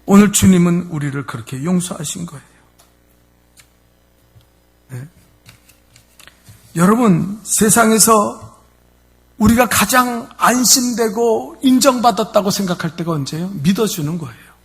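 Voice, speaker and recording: A male pastor preaching in a church, speaking straight to the pews with emphatic rises and drops. His voice sits a touch high and has a gravelly, husky grain. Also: measured pace, pauses often. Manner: emphatic, addressing the congregation directly. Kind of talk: sermon. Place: church sanctuary.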